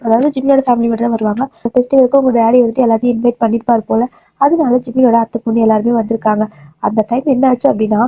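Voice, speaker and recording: A woman's voice: on the high side, warm tone, lo-fi sound. A young woman narrating a romantic fan fiction story in the second person, acting out both sides of a lovers' quarrel.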